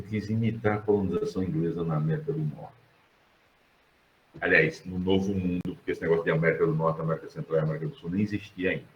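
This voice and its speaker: A man's voice: low-pitched, darkish tone, a little hiss or hum. A middle-aged Brazilian man teaching a class, talking in a digressive, conversational way and putting questions to his students. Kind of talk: classroom lecture. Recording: roomy, dull classroom sound.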